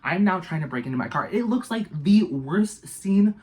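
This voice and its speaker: A young woman casually telling an animated, profanity-laced storytime about a bad night, full of fillers and dramatic asides. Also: medium pitch, moderate pace.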